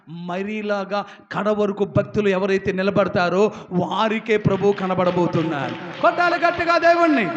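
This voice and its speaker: A man preaching a Telugu sermon, animated, acting out voices and calling out to the congregation. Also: very high voice. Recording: dull lo-fi sound.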